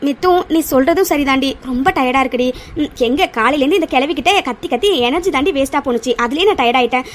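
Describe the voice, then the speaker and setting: A woman voicing a chatty, hot-tempered young woman in a cartoon story who rants and scolds in rapid bursts. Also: sits high, slight background noise, close to an everyday voice. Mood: tired coaxing. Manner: rapid ranting, teasing and scolding.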